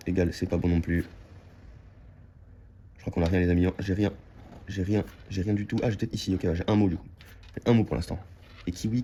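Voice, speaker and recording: Low mellow guy chatting through his scratch tickets, repeats words a lot, bit of background noise. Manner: chatty, addresses viewers as friends, repeats words while checking. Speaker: scratch-card vlogger. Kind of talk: casual running commentary while scratching tickets.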